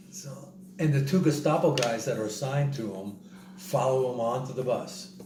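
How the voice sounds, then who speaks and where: A man telling a casual story in an animated way, repeating himself and acting out what other people said. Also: medium pitch, a little slow. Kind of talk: casual spoken travel story. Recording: roomy, distant mic, noisy background.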